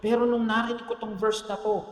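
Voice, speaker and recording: Filipino male pastor, sermon delivery, high-pitched voice, roomy church reverb. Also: level tone, brisk. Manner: switches between Tagalog and English, asks the congregation "Amen?"; swings between soft low storytelling and loud emphatic points. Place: church hall. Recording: roomy, echoey church hall.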